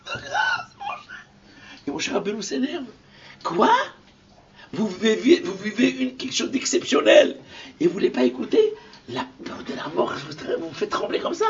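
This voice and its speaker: A man giving an impassioned sermon as a rabbi, dropping to whispers and rising to shouted verses. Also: very high-pitched, big pitch swings, normal speed, gravelly. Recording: distant lo-fi recording.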